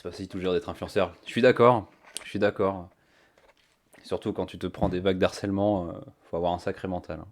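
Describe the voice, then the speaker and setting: A man's voice: sits low, fairly even intonation, brisk. A man chatting casually to his stream viewers, thinking aloud with many fillers on a cheap microphone. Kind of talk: casual live-stream chat.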